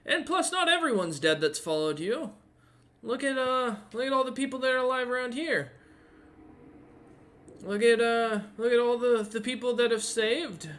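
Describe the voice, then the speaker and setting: Man doing an earnest, high young boy. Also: normal speed, fairly bright tone. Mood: earnest pleading. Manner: earnest, pleading.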